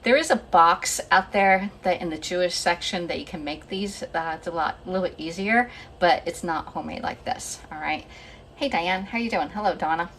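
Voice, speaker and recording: A woman's voice: lowish voice, normal speed, fairly bright tone, slight background noise. Chatty woman. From Northeast Pennsylvania. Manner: chatty, greets viewers by name, rambling asides. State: a little out of breath. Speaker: home cooking livestream host. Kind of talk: casual live cooking stream. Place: home kitchen, indoors. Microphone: phone camera.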